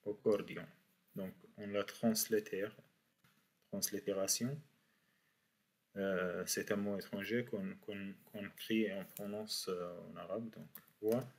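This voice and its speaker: Slow, low-voiced teacher. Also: male voice, fairly even intonation. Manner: slow, repeats words for learners. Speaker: Arabic teacher. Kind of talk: university language lesson.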